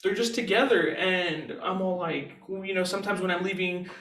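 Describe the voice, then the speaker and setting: A man's voice: high-pitched, fairly even intonation, moderate pace, fairly bright tone, recorded from a distance. A young man hosting a college radio interview, telling rambling stories full of fillers. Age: young adult. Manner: rambling, chatty storytelling with fillers. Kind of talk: casual interview chat. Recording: echoey room, a bit off mic, faint hiss.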